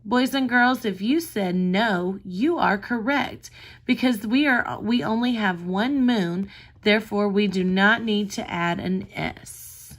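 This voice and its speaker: A woman speaks at a slow pace with a middle-pitched voice, as a kindergarten teacher would. She explains in simple phrases and sounds out words carefully. The delivery suits reading aloud to a toddler. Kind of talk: recorded reading lesson for young children.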